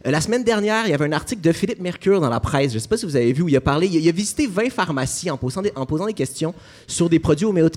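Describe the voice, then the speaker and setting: A man's voice: a little high, expressive, racing, darkish tone. A man, a comedian giving a comic column and teasing the host playfully.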